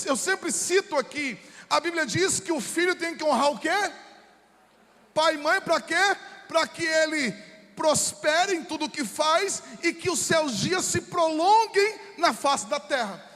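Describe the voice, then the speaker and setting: A man's voice: extremely high pitch, sharp tone. A man with a Brazilian Portuguese accent, a pastor preaching a fervent sermon in a church sanctuary. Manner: fervent preaching, often calls the listener "meu irmão". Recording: long church hall reverb.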